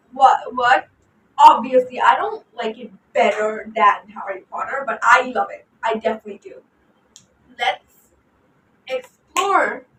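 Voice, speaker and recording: A young woman with an Indian accent chats loosely and excitedly about a film series, often restarting her sentences. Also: a little high, slight background noise. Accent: Indian English. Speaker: book vlogger. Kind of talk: unscripted fan commentary. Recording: echoey room, distant mic.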